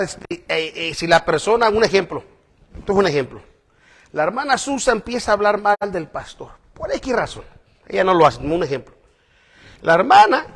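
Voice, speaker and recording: In a high voice, a man gives a conversational sermon to a congregation, frequently checking in with "¿verdad?". He swings between loud, emphatic lines and quiet asides.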